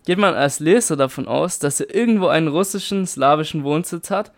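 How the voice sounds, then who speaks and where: A man's voice: fairly high pitch, fairly quick, vocal fry. A man acting as quiz master on a podcast, reading questions aloud in a matter-of-fact, dry way.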